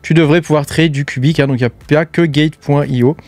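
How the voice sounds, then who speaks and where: Casting note: a man hosting, fairly high voice, casual chatty roundup, dry close mic. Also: steady tone, quick pace, darkish tone, no echo. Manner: chatty, frequent filler tags and hesitations. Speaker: crypto mining channel host.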